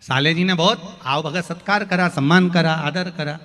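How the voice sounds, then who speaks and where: A male preacher with a Malwa Hindi accent delivers a devotional sermon, his fairly high, forceful voice leaping up as he acts out a story's dialogue. The sound rings out in a large reverberant hall. Faint music plays underneath. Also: normal speed. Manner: storytelling, acting out dialogue with emphatic rising voice. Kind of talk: devotional sermon with acted anecdote.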